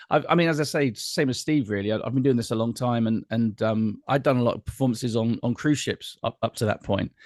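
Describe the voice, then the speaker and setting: A man's voice: mid-range voice, a little mellow, no room sound, studio quality. A middle-aged man, a guest entertainer chatting casually and telling anecdotes in an interview.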